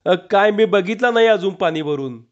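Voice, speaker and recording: Casting: a man playing a cowering village thief, stammering and whiny, raised pitch, dull lo-fi sound. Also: lively intonation, moderate pace. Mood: whimpering. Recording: dull lo-fi recording.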